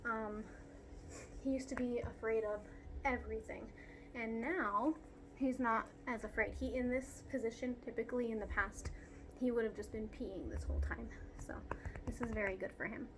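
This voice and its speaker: Young woman, out of breath, chatty how-to talk, lots of ums, slightly high voice, faint room noise. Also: fairly even intonation, normal speed. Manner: chatty, lots of ums, talks to her dogs. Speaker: dog groomer demonstrating nail care. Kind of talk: casual how-to explanation. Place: at home with dogs.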